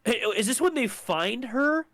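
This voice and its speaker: A young man co-hosting a podcast, recapping a show in a loose, rambling way, swearing a lot and filling pauses. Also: very high-pitched, expressive, a bit bright. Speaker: podcast co-host. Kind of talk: casual recap chat.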